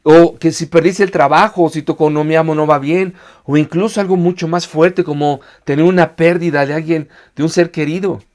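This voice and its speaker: A man's voice: a little high, fairly even intonation, brisk, darkish tone. A man giving an earnest sermon as a pastor, asking his listeners rhetorical questions. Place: church online meeting.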